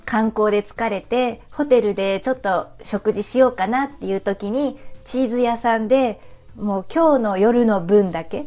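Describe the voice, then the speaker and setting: A woman's voice: medium pitch, a little mellow. A woman from Japan giving a casual, chatty lesson on travel phrases, explaining with everyday examples. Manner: chatty, many "ano" fillers, explains with examples. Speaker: French language teacher for travelers.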